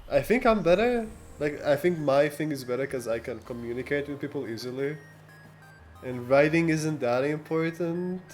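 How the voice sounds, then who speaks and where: With a voice on the high side and a darkish tone, this male livestreamer talks casually to his viewers over music, answering their comments as they come in. He speaks haltingly, rambling, with frequent false starts and laughs.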